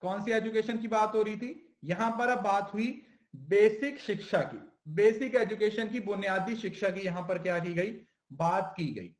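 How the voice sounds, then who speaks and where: A man gives an exam-prep lecture in a high voice, mixing Hindi with English terms. He asks his listeners questions, answers them himself and repeats each key term. The room around him echoes noticeably. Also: normal speed. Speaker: teacher.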